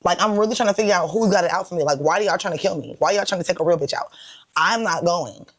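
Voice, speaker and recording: A young woman co-hosting a casual chat show, hoarse and raspy, talking bluntly with lots of swearing and lively storytelling. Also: fairly low pitch, fast talker. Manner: blunt, profane, animated storytelling. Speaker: podcast co-host.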